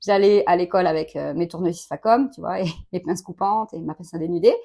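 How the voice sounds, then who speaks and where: Chatty woman in her late thirties, business leader in a quick-fire interview, informal, quick to laugh. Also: lowish voice, vocal fry, mellow. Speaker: company director interviewed.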